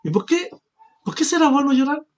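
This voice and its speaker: A man preaching a sermon as pastor, asking rhetorical questions and swinging between loud emphasis and quiet, low passages. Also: lively intonation, a little fast, lo-fi sound. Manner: preaching with rhetorical questions, rising and falling in force.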